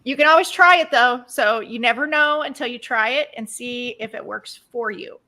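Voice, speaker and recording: American woman, bright slightly high voice, casual tips on a craft chat. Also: normal speed. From United States.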